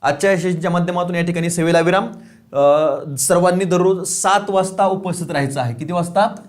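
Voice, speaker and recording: A man's voice: high-pitched, fairly quick. A man teaching an online exam-prep lesson. He asks questions, answers them himself, repeats key points and chuckles now and then. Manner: repeats key points, says "lakshat theva"; casual, chuckles and teases students.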